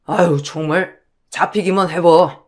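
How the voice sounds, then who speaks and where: An actor playing an ordinary husband who mutters in irritation in an audio drama. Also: male voice, fairly high pitch, steady tone, a little slow. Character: worried husband, ordinary middle-aged man.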